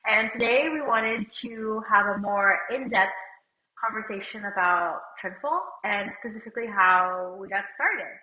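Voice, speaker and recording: A chatty woman, a podcast co-host and company CEO, leads a casual conversation while nursing a slight cold that leaves her mid-range voice a bit muffled and dull. She speaks a little slowly and easily, saying "like" often, adding light asides and soft laughs. The room sounds roomy and echoey.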